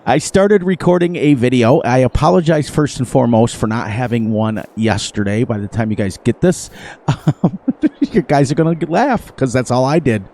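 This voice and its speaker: A gaming channel host chats casually through a farming game playthrough, his medium-pitched voice warm and moderately paced. He's playful and laughs a lot, despite a sniffly, runny nose.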